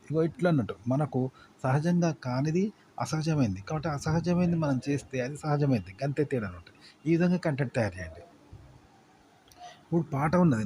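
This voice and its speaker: A man's voice: mid-range voice, darkish tone, a little hiss or hum. A man explaining in a casual, rambling spoken lesson, repeating points with fillers. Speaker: content creation teacher.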